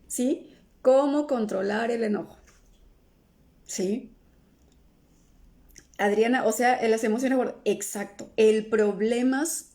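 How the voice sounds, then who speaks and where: A middle-aged woman with a soft, mellow voice gives a live-stream talk as an emotional healing coach. She keeps checking in with her listeners, tagging almost every phrase with "¿no?" or "¿sí?", and answers comments as they come in. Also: a little high. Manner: tags nearly every phrase with "¿no?" or "¿sí?"; answers viewer comments aloud.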